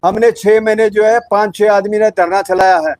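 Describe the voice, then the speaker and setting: Indignant high-voiced man, confrontational. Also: fairly even intonation, normal speed, a little mellow, no echo, rough recording. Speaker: ex-serviceman activist. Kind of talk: angry protest video statement.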